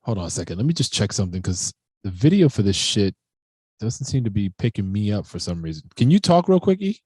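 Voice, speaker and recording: A man's voice: on the low side, sing-song, brisk, darkish tone, husky, no room sound. Upbeat slangy podcast host man. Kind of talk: casual chat.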